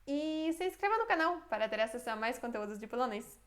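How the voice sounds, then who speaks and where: A woman with a fairly high voice teaches a language lesson straight to camera. She works through examples patiently, repeating them and checking in with her viewers. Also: sing-song, quick pace, a bit bright. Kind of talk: explaining a grammar lesson to camera.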